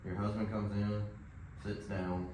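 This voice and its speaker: A low-pitched man talks through a dog training session in a casual, explaining way, often checking in with "right?". He is picked up from across a very echoey room, with faint noise behind him. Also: unhurried. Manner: relaxed, explanatory, lots of "like" and "right?". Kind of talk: casual instruction. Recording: very echoey room, mic at a distance.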